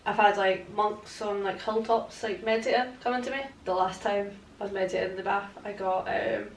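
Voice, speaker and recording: A young woman, a paranormal investigator appearing as a guest, answers interview questions hesitantly with many fillers from a living room sofa. Her medium-pitched voice is steady and a little fast, picked up by a distant camera in an echoey room with a little hiss or hum.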